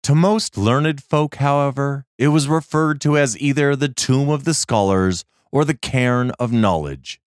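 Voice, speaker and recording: A man narrating a fantasy story as an audiobook reader, in a measured, dramatic storytelling manner. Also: mid-range voice, clean tone, dry recording, studio quality. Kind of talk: scripted narration.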